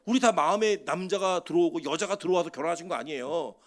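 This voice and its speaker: A man's voice: fairly high pitch, fast. A male pastor preaching a sermon in a church, asking the congregation rhetorical questions and acting out quotes. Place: church sanctuary.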